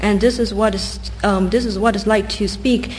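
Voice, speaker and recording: Woman, church interpreter, pulpit microphone, halting delivery, long hall reverb, faint background hum. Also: mid-range voice, fairly even intonation, darkish tone. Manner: halting, with frequent um fillers. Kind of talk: consecutive interpreting of a sermon.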